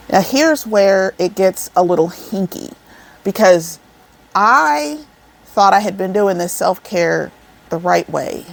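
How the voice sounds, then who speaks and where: A woman's voice: mid-range voice, gravelly. A woman in her forties chatting casually to her viewers, rambling and calling them y'all, seated indoors. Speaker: crochet vlogger. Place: indoors, seated over an air vent.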